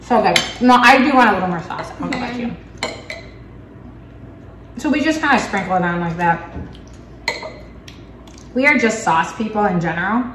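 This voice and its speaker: A woman's voice: mid-range voice, lively intonation, moderate pace, long pauses, reverberant, background noise. A woman hosting a casual food taste test, talking with her mouth full as she chews and describes the pizza. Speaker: food vlogger and mother.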